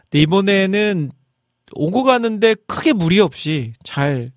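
A man's voice: sing-song, unhurried, dry recording. Chatty middle-aged man hosting, dry close sound. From North Jeolla, South Korea. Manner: chatty and friendly, jumps up in pitch when reading out comments. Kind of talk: casual live show chat, reading listener messages.

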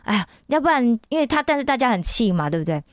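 A woman telling a Bible story for young listeners on the radio, animated and constantly asking her audience questions. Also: a little high, quick pace, no echo, clean studio sound. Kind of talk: lively Bible storytelling for youth.

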